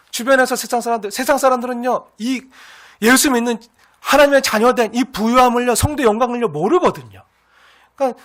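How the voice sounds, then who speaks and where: A pastor preaching a sermon in an earnest, repetitive way, sometimes acting out the taunts of scoffers. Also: male voice, extremely high pitch, fairly bright tone.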